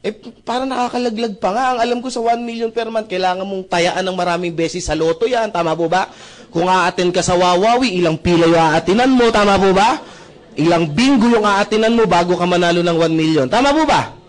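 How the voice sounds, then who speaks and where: A man's voice: high-pitched, fairly quick. A man with a Filipino accent giving a testimonial talk to an audience, acting out both sides of past conversations and often asking the audience to agree. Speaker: motivational speaker.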